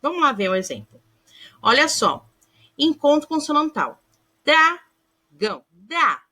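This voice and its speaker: With a high, sing-song, sharp-toned voice at normal speed, a woman teaches primary pupils grammar in a recorded lesson. She sounds out each word syllable by syllable, lovingly calls the children "amores," and checks their understanding with questions.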